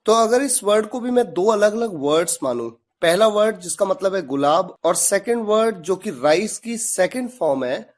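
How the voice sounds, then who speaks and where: A man's voice: high-pitched, a little mellow. A man teaching a video lesson, spelling words out letter by letter and asking rhetorical questions. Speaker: English teacher.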